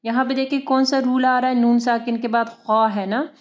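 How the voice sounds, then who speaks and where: Female tajweed teacher, higher voice, flat even delivery, slow recitation between explanations. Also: dull audio. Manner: patient step-by-step explanation, slow drawn-out recitation of verses. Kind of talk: recitation lesson.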